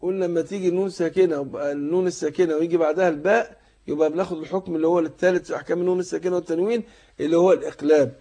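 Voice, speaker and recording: A man's voice: a little high, fairly even intonation, mellow. A man with an Egyptian Arabic accent teaching Quran recitation rules in a tajweed lesson. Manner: explains rules in colloquial speech, then recites verses slowly in a drawn-out chant.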